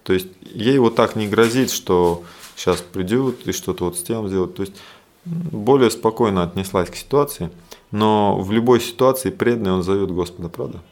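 A man with a deep, low voice leads a scripture study class. He explains loosely and conversationally, circling back with fillers and asides as he goes. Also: moderate pace, a little mellow.

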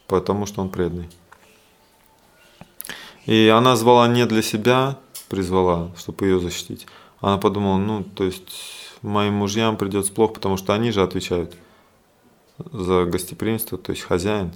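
A man's voice: fairly low pitch, steady tone, moderate pace. A man teaching a scripture study class in a loose, explanatory way, with frequent fillers and asides.

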